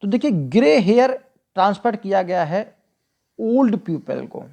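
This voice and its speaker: Going through multiple-choice exam questions, an Indian-accented teacher reads each English question slowly, poses it back to the listener, and answers it. The mid-range voice is mellow and creaky, and the delivery very animated.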